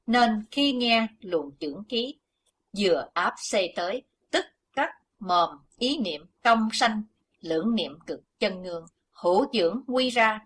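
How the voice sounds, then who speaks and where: A woman narrating a martial arts novel as an audiobook, with a steady, dramatic reading. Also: mid-range voice, slightly rough. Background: background music.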